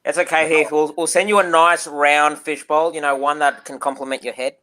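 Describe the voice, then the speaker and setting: A man's voice: on the high side, fairly even intonation, brisk, bright, forceful tone, a little hiss or hum. A man joking and teasing in casual chat with friends on an online call.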